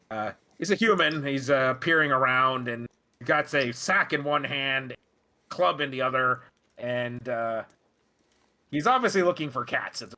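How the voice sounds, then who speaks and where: A man improvising narration as game master, halting as he searches for words. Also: medium pitch, bright, forceful tone.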